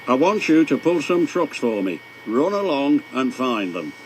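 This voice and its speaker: A man's voice: medium pitch, sing-song, a little hiss or hum, voice pushed up. A man doing a stern, kindly railway boss. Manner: measured, firm, paternal. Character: stern but kind male railway boss.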